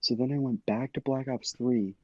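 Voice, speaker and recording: A man's voice: mid-range voice, fairly even intonation, normal speed, no echo, lo-fi sound. A man on a casual podcast, rambling through his own stories and laughing often. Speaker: podcast guest.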